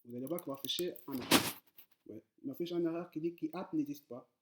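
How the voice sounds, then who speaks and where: Heavy background noise surrounds a fast-talking man with a fairly high voice giving an informal coding tutorial in French, a language he did not grow up speaking. He talks directly to his viewers, hesitating and repeating words amid plenty of fillers.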